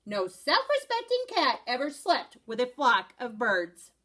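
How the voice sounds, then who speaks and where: A woman's voice: a little high, wildly swooping pitch, unhurried, fairly bright tone, heavily acted. A woman teacher voicing a bossy mother cat who scolds her kitten in a stern, emphatic way. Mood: scolding.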